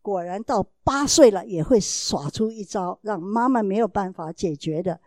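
Animated mother telling a parenting story. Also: mid-range voice, normal speed, no room sound. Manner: animated storytelling, acting out dialogue. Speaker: mother giving parenting advice.

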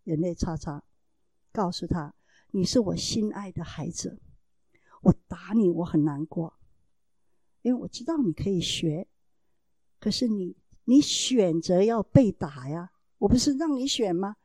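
Animated mother telling a parenting story. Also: on the low side, measured pace, pauses often, slightly rough, dry recording. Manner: animated storytelling, acting out dialogue. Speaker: mother giving parenting advice.

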